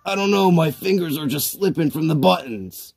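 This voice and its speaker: A man's voice: on the high side, lively intonation, gravelly, a little mellow, breathy edge, voice pushed up, full character voice. A man voicing a whiny, easily flustered young male monster who snaps in a comic gaming sketch. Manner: whining, quick to snap.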